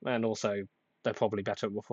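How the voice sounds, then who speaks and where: A young man hosts a casual solo podcast while getting over a cold, talking fast in a plain, somewhat flat, lowish voice. He rambles and pokes fun at himself with many hesitations, and the dry recording has its highs cut off.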